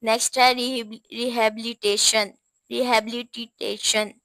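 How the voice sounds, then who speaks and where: Urdu-accented woman teaching spelling, spells out each letter slow, kinda flat tone, dry close mic. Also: fairly high pitch, no echo. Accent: Pakistani Urdu. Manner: spells words out letter by letter, slowly. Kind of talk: spelling lesson.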